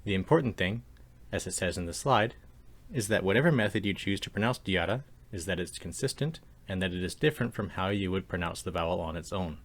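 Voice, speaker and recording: Low-voiced man teaching a language. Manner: calm, measured explanation with slow demonstrations of sounds. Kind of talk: slide-based language lesson.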